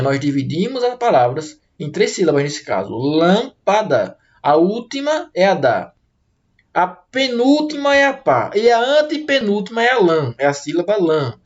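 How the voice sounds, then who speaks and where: Professor de fala lenta e repetitiva. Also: male voice, sits high, lo-fi sound. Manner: slow, repetitive, stretches out example words. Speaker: teacher. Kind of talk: grammar lesson.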